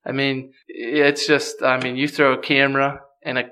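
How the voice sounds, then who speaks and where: A Pennsylvania man appears as a podcast guest, chatting casually and easily, with many "you know" fillers in his easygoing manner. His medium-pitched voice stays level at a moderate pace, with a bright, forceful tone.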